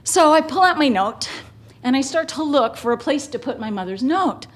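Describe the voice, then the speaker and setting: A woman's voice: sits high, animated, normal speed. A woman telling a personal story on stage with a dramatic, vivid and emotive delivery.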